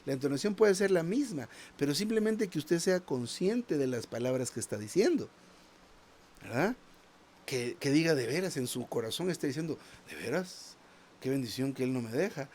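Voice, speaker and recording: A man's voice: medium pitch, darkish tone, a little hiss or hum. A man preaching a sermon in a conversational tone, often asking the congregation "¿verdad?" and repeating small words as he searches for the next phrase.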